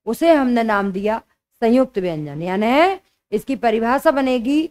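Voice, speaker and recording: A high-voiced young woman teaches an exam-prep grammar lesson. She speaks slowly and deliberately, repeating each key point so it sticks. Her delivery is patient and explanatory. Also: lively intonation, darkish tone.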